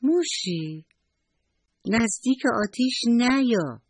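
A woman voicing a calm, caring mother mouse in a soft, gentle tone. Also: slightly rough, dry recording. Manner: soft, gentle and lower than the narration.

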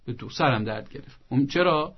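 A man's voice: mid-range voice, lively intonation, breathy edge, lo-fi sound. A man giving parenting advice on a talk show. He lays out his points one by one in a teaching manner. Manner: acts out parents' lines in a soft coaxing voice. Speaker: parenting expert guest.

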